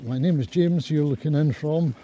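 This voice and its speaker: A man with a husky voice chatting casually and ramblingly as he livestreams a walk outdoors on a small clip-on mic. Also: a little high, moderate pace, warm tone, a little hiss or hum. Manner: chatty, rambling, greets viewers as he goes. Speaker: livestream host on a group walk. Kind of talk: casual live vlog chat to viewers. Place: outdoors on a riverside hiking trail in cold wind. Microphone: small DJI clip-on mic worn near the throat.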